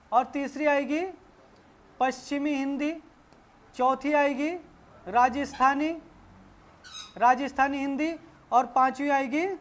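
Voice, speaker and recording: A woman with a high voice leads an exam-prep lesson, talking casually to her students. She poses a question, pauses, then answers it herself, walking through each point step by step. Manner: asks rhetorical questions and answers them step by step; casual, addresses students as brother. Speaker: Hindi teacher.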